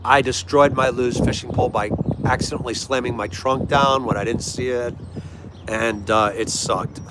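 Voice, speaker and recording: With a steady tone, mid-range voice and normal speed, a man from the United States hosts a livestream in an American accent. He chats casually and agreeably with viewers, friendly all the while. There's vehicle-like background noise on a clear recording.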